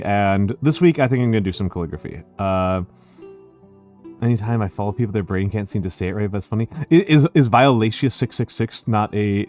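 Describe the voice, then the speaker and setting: A man with a Northeastern American accent chatting as a livestream host in a smooth, measured public-speaker or teacher voice, often halting and repeating his phrases. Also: fairly low pitch, darkish tone. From Northeastern United States. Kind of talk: casual livestream chat. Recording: music behind the voice. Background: music.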